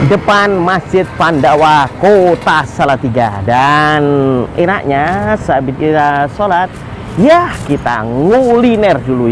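A man, hosting a culinary vlog and greeting viewers with religious phrases. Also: sits high. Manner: lively, religious greetings, chatty with vendors. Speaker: culinary show host. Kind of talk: presenting to camera. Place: street outside a mosque, then small food court indoors. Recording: noisy street and shop background.

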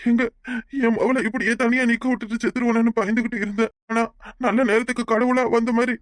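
A man's voice: extremely high pitch, level tone, quick pace, no echo. A man voicing an ailing elderly father in a cartoon, pleading weakly. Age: older. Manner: pleading, weak. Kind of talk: cartoon voice acting.

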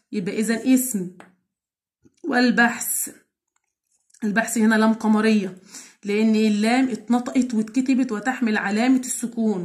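A woman teacher with an Egyptian accent gives a recorded school lesson, breaking words into syllables slowly and answering her own questions. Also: fairly high pitch. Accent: Egyptian Arabic. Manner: slow, drawn-out syllable-by-syllable spelling; asks questions and answers them herself. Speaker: primary school Arabic teacher.

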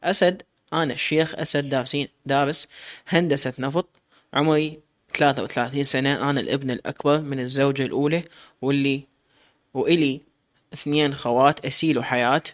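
A man's voice: mid-range voice, steady tone, fast, no room sound, clean studio sound, close to an everyday voice. A man voicing a proud sheikh, commanding and stern.

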